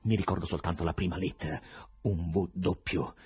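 A man voicing a wild young male poet who shouts, rants and mutters in desperation. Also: low-pitched, steady tone, moderate pace, husky. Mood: muttering, searching.

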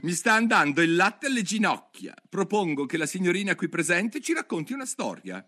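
A man's voice: high-pitched, very animated, fairly quick, bright, forceful tone, pitched above the performer's own voice, exaggerated voice. A man voicing a drowsy, grumpy March Hare in a storybook reading, speaking with yawning impatience. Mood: impatient. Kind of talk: audiobook reading.

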